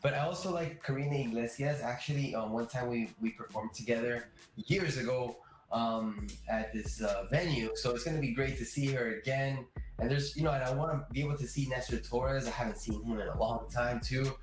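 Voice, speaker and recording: A man's voice: medium pitch, brisk. A young man from Miami, a percussionist guest, talking casually over a video call from home with many fillers. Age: young adult. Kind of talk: casual interview. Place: room at home. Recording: roomy video-call audio.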